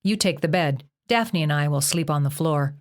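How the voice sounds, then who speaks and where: A woman narrator voicing a calm, protective teenage boy in an audiobook. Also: sits low, moderate pace, natural voice.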